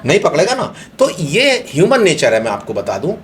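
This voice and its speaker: A middle-aged man with a fairly high voice talks through spiritual ideas in a relaxed interview. He explains in a patient, philosophical way, leaning on everyday examples. Faint noise runs under the recording. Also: moderate pace. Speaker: guest speaker on spirituality. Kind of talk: unscripted interview.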